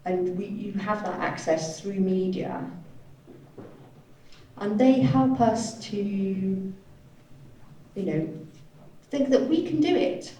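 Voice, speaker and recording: Voicing panelists as a live sign language interpreter, this woman speaks slowly with a warm, expressive, medium-pitched voice and frequent pauses. The indoor event space is very echoey, captured by a far-off microphone with a little background noise.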